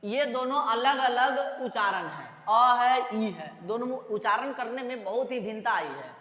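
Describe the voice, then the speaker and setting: A woman teaching a grammar lesson to school students, drilling drawn-out vowels and checking in with "है ना" as she goes. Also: on the high side, lively intonation, fairly bright tone. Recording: echoey room with long reverb.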